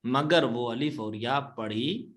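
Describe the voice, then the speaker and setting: In an online class, a man teaches Quran reading, patiently repeating every rule and often checking that students are keeping up. He recites the Arabic examples slowly in a medium-pitched, slightly bright voice.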